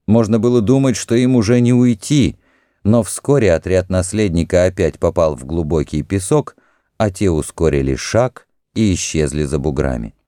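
Deep-voiced male audiobook narrator. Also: normal speed, dark tone, dry recording, studio quality.

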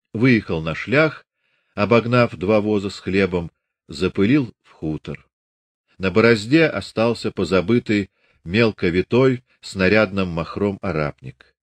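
A man with a low voice reads a literary novel aloud in a measured, even way. The recording is dry and close. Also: no echo. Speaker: audiobook narrator. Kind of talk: literary audiobook narration.

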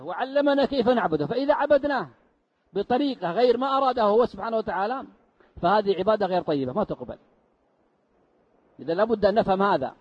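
Fast, high-voiced sheikh teaching. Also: male voice, husky. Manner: explanatory, asks rhetorical questions and answers them. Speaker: sheikh teaching Quran commentary. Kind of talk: mosque lesson. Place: mosque. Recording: dull lo-fi lesson recording.

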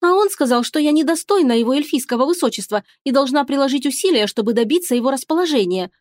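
A woman's voice: fairly high pitch, animated, a little fast, no echo, studio quality, close to an everyday voice. A woman voicing a feisty, theatrical young princess who exclaims and plays at tears, in an audiobook. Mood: mock-tearful. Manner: loud, exclaiming, mock-tearful. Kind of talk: audiobook character reading.

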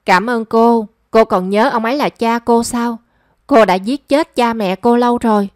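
A stern older mother speaks with cold, reproachful bitterness, voiced by a woman reading the story. Her voice sits somewhat high and sounds close and dry. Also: normal speed, no echo, lightly acted. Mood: bitter, cold.

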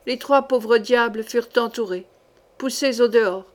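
A woman narrating an audiobook of a historical novel in a measured, expressive reading. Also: a little high. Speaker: audiobook reader.

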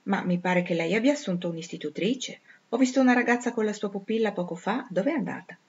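A woman's voice: mid-range voice, fast talker, a little mellow, highs cut off, natural voice. A woman reading aloud, voicing a haughty young noblewoman who speaks with scorn and chatters with disdain. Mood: scornful.

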